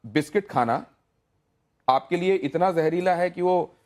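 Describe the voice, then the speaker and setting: Higher-voiced man questioning calmly. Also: unhurried. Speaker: debate panelist.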